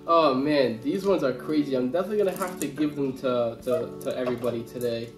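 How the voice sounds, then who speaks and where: A man's voice: medium pitch, fast. A man in his twenties chatting casually and playfully to camera as he hosts a home challenge video. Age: 20s. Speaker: host of a candy challenge video with children. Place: indoor home kitchen. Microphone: camera across the counter. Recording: roomy home kitchen, music behind.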